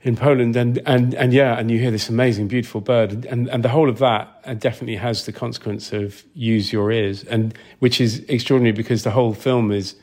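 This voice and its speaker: Speaking as a film sound designer in an interview, a man talks things through thoughtfully and haltingly, often repeating words. His mid-range voice is steady and a little mellow.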